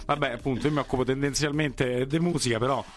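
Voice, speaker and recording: A man's voice: medium pitch, fairly even intonation, fast. A man hosting a casual, chatty interview. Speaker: music interviewer and host.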